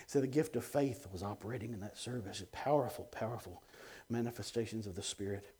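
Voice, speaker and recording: A middle-aged man, a guest evangelist, telling an animated testimony on a TV show, dropping to hushed tones and bursting out loud with chuckles. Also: brisk, slightly rough. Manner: swings between hushed low tones and loud excited outbursts, chuckling.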